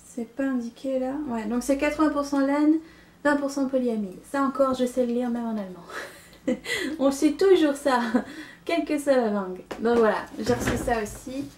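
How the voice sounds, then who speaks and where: Young woman, casual knitting chat, slightly high voice, warm, hesitant fillers, light laughs. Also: normal speed, slight background noise. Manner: chatty, hesitant, many fillers and little laughs. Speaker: knitting podcast host. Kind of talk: casual chat showing yarn haul.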